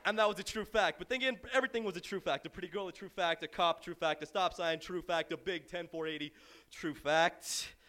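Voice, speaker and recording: A man's voice: on the high side, fairly bright tone. A young man from southern Arizona performing a comic slam poem on a live stage with a wry storytelling rhythm. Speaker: slam poet. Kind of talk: performance poetry.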